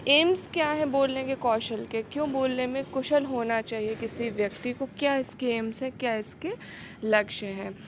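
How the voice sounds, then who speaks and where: Fairly high-voiced woman lecturing on pedagogy. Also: steady tone, normal speed, noisy background. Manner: explains in Hindi mixed with English terms, frequent "ठीक है" check-ins. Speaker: teacher exam coach.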